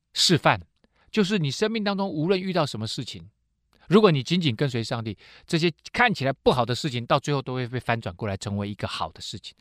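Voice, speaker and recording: A man hosts a Bible teaching program. His voice sits at an ordinary middle pitch, and the recording is dry and close, with no room sound. He tells the stories in a chatty way, stretching out filler particles and acting out the characters' lines as he goes. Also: no room sound. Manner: lively storyteller who acts out quoted speech.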